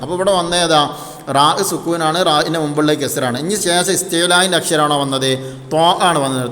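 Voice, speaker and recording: A man gives a patient tajweed lesson in a slightly high voice. He keeps posing questions and answering them himself. His voice trails off into a long reverb. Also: a bit bright. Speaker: Quran recitation teacher.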